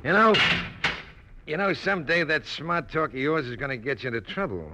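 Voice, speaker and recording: An actor playing a gruff, nagging male prison guard in a radio drama, curt and slangy. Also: fairly high pitch, animated, brisk. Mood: warning. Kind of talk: old-time radio drama acting. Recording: old radio recording with faint noise.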